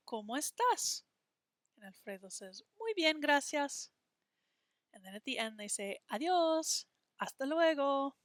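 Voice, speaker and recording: Female language teacher, upper-register voice, patient slow modeling for repetition, dry close recording. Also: a little high, bright, forceful tone, dry recording. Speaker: Spanish teacher. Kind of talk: classroom lesson reading from a textbook.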